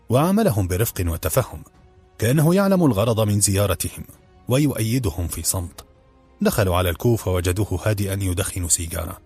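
A man's voice: fairly low pitch, darkish tone, husky. A man reading an audiobook, narrating dramatically. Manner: dramatic storytelling. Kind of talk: scripted narration.

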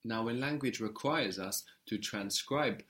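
A man teaching a language lesson, patiently explaining and drilling words slowly with a student. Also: lowish voice, fairly bright tone.

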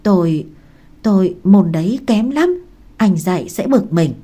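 A woman's voice: lowish voice, expressive, moderate pace, warm tone. A woman reading the lines of a shy, humble young village woman in a storybook, hesitant and doubting herself.

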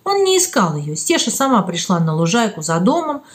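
A woman narrating a children's story as an audiobook, reading in an expressive storytelling way. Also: mid-range voice, brisk.

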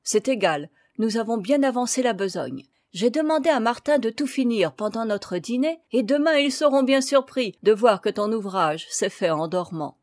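A woman's voice: fairly high pitch, animated, moderate pace, hardly any pauses, darkish tone, dry recording, clean studio sound, natural voice. A woman voicing a jovial, doting father in a storybook reading, speaking in a hearty, teasing way.

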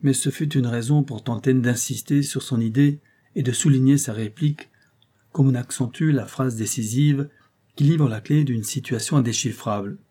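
A male audiobook narrator reads a classic novel in a measured storytelling manner. His voice is dark and mellow, with a husky edge. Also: medium pitch.

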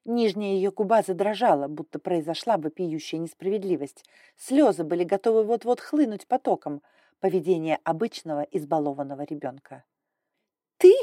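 A woman narrates a fantasy novel in a mellow, low-set voice. Her reading is even and measured, recorded close and dry with no room sound. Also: no room sound. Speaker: audiobook narrator. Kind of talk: scripted narration.

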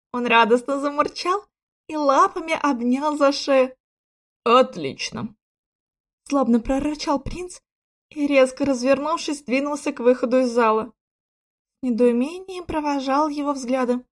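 A woman with a high voice reads a first-person fantasy novel aloud. Her reading stays lively and expressive throughout. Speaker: audiobook narrator.

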